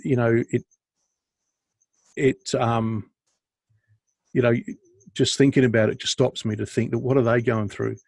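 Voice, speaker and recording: A man's voice: medium pitch, level tone, a little slow, vocal fry, long pauses, darkish tone, no echo. A man, co-hosting a podcast in a casual chat over a video call. He tells stories in a chatty, self-deprecating way and laughs often. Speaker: podcast co-host.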